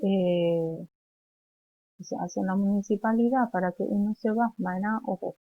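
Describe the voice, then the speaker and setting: A woman teaching young children, slowly saying words and phrases for them to repeat back. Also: medium pitch, steady tone, no room sound, dull audio. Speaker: preschool teacher. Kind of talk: remote language lesson for young children.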